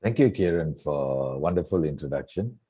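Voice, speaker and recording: A man in his sixties from Singapore, a retired coach reflecting in an interview with many soft fillers. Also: very deep voice, lively intonation, fairly quick, slightly rough. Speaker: guest coach. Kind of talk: relaxed interview conversation.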